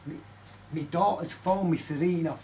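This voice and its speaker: An older man, from Manchester, telling a story to camera in his flat, swearing constantly and ranting heatedly. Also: on the high side, normal speed. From Manchester, England. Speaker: vlogger. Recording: distant mic with faint background noise.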